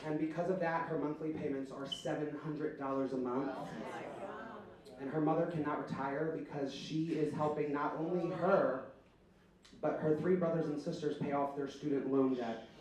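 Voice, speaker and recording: A man's voice: on the high side, fairly even intonation, normal speed. A man giving an impassioned political speech at a rally, building to chants. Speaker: rally speaker. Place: hotel event hall with crowd. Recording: echoey hall from far off, crowd noise.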